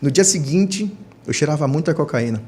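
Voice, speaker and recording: A deacon in his thirties with a Brazilian Portuguese accent tells his personal testimony on a church podcast at a moderate pace. He speaks like a storyteller, his pitch rising high and animated whenever he acts out things he once said.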